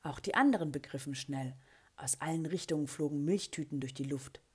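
Low, breathy woman reading a storybook. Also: brisk. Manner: expressive, lively character voicing in quotes. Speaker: children's book reader. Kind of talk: reading a children's story aloud.

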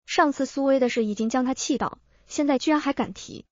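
A woman narrating a comic story in an even, matter-of-fact way. Her voice sits fairly high and is heard dry and close. The recording is dull and lo-fi. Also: brisk, dry recording.

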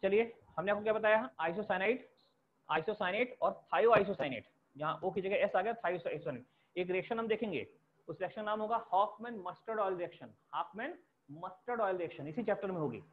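High-voiced male teacher, tinny recording. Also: fairly quick. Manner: explains step by step, repeats key terms for students to note. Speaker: chemistry teacher. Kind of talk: classroom lecture.

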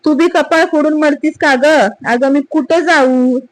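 A cornered, weeping village man, as a woman reads him out pleads in rough rustic speech. The voice sits high, close and dry. It is a spoken storybook. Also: steady tone, a little slow, no room sound, poor audio. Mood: frantic. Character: desperate poor male villager, weeping, cornered.

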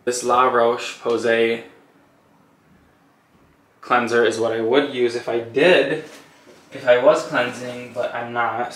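A young man talks straight to a close camera at home, loose and rambling, his "likes" tumbling out. His voice is bright and forward, with a faint hiss of noise behind it. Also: mid-range voice. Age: young adult. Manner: chatty and rambling, lots of "like". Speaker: vlogger. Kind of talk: casual vlog chat to camera. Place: home bathroom and bedroom, also car.

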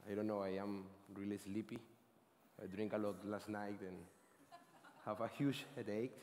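A man's voice: fairly low pitch, darkish tone, slight background noise. A man in his thirties from Venezuela with a Venezuelan Spanish accent, giving a casual, rambling conference talk on stage, often correcting himself and adding "right?". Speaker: conference speaker. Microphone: headset. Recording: long hall reverb.

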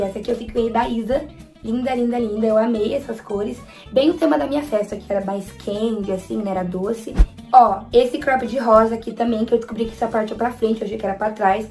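A woman's voice: a little high, dark tone. A nineteen-year-old woman with a Brazilian accent, chatting to camera at home in a gushing, enthusiastic way. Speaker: vlogger. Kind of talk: casual chat to camera. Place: at home near her bed. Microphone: camera with ring light.

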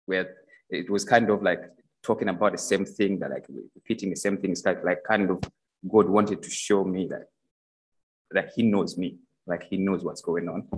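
A man's voice: low-pitched, steady tone, moderate pace, low-quality recording. A young man from Uganda giving a personal testimony at a church podium, speaking hesitantly with many fillers and restarts. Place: church stage in a large hall. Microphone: podium microphone.

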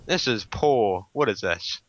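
Excitable man narrating his game. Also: lowish voice, slow pace, dull audio, slight background noise. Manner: laughs a lot, excited play-by-play. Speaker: gamer. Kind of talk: casual gaming chat.

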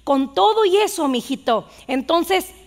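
A patient, loving mother gently explains things to her little boy, as a woman preacher voices her. Her voice is high with some gravel in it, and she speaks in a tender, teaching manner. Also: expressive, measured pace, heavily acted.

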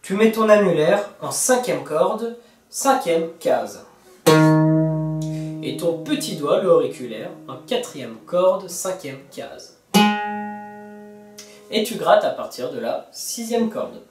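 A man with a high voice teaches a song on guitar, speaking slowly with wide pitch swings. He talks informally to the viewer, counting beats and singing snippets of the lyrics as he plays. The roomy recording comes from a distant, off-mic position.

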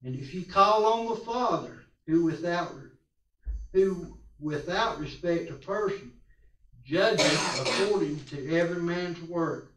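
Man, preacher, pulpit microphone, slow deliberate scripture reading, roomy church echo. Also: high-pitched, fairly bright tone. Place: church sanctuary. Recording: roomy church sound from a distance.

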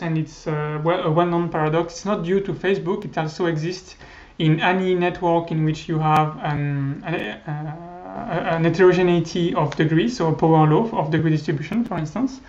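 This slightly dull, lo-fi clip captures a university lecture given over slides by a high-pitched man in his thirties whose native language is French. His delivery is hesitant and full of fillers and restarts.

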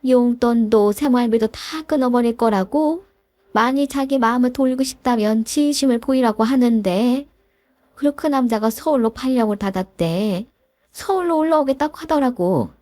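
A woman's voice: a little high, normal speed, mellow, no echo, close to an everyday voice. Woman voicing a whiny pushy older mother-in-law. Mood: pleading, pushy. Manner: whiny, wheedling, guilt-tripping. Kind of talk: storybook drama reading.

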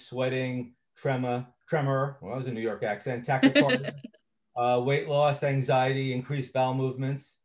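A man's voice: medium pitch, darkish tone. A man presenting a recorded medical training lecture in a conversational way, with many fillers and self-corrections.

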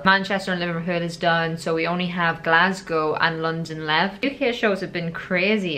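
A woman's voice: lowish voice, bright, forceful tone, a little hiss or hum. A young Irish woman and makeup artist, chatting upbeat to a handheld camera in a vlog, laughing often. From Ireland. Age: young adult. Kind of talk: casual vlog chat to camera.

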